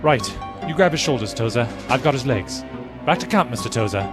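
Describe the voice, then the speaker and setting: A man performs a skeptical naval lieutenant in an audio drama. He is brusque and short-tempered, with a mid-pitched, lively voice set over music. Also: a little fast, lightly acted. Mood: brisk, commanding.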